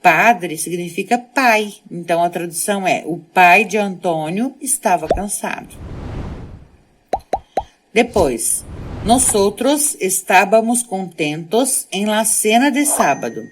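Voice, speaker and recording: A woman whose first language is Portuguese teaches a Spanish lesson, reading sentences aloud before translating and explaining them. Her medium-pitched voice is expressive and slow, with background noise present.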